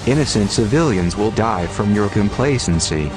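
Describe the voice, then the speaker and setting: A man speaks through a disguised deep voice, low-pitched and masked. He reads a scripted anonymous statement in a steady, declaiming way. Clear music plays behind him the whole time. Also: normal speed. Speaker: anonymous narrator of an online message.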